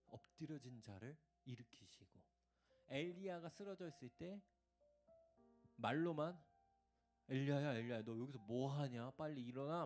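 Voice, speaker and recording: A youth pastor, a man, teaching a question-and-answer session in a casual way, often checking that his listeners follow. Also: mid-range voice. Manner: acts out short quoted voices and examples. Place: church youth service.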